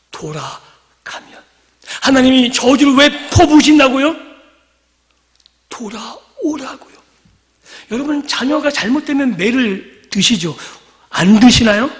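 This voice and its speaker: A man's voice: extremely high pitch, big-room sound. A male pastor preaching a sermon, asking the congregation questions and dropping from emphatic lines to near-whispers. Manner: asks the congregation rhetorical questions.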